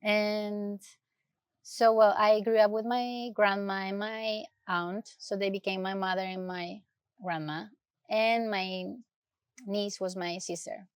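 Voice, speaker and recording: A woman from Ecuador with an Ecuadorian Spanish accent tells her personal story as an interview guest. She speaks English softly and hesitantly, searching for words, at a slow pace. Her medium-pitched voice is steady, clear and resonant, captured in clean studio sound with no echo.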